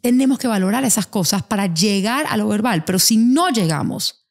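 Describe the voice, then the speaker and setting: A woman hosts a casual podcast conversation, telling anecdotes animatedly and acting out the voices of the people she quotes. Her medium-pitched voice has lively intonation and a fairly quick pace.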